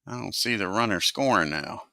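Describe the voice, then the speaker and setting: A man calling play-by-play for a simulated baseball game, talking himself through the game software and swearing under his breath when it fights him. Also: on the low side, animated, moderate pace, gravelly, no room sound, studio quality. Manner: talks to himself while working the game software. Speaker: host of a baseball simulation channel.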